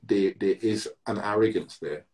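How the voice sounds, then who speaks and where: A man with a lowish, dark voice, a British musician of Barbadian descent, speaks at a normal pace as a guest in a reflective video-call interview from an indoor room at home. His answers feature frequent restarts and plenty of "you know" fillers.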